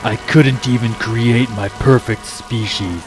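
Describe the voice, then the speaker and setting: A man's voice: medium pitch, slow, over music, close to an everyday voice, poor audio. A man voicing a bitter, grandiose villain from underground in a superhero drama, delivering resentful monologues. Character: bitter, grandiose male underground villain craving eternal night. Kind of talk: scripted superhero audio drama.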